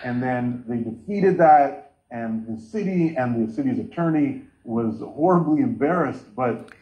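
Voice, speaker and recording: Brief: man in his 40s, chairing a video call, medium pitch, dull lo-fi laptop sound. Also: lively intonation, a little slow. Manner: earnest, gesturing with both hands. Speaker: caucus meeting chair. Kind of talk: online meeting remarks. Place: home room with bookshelves.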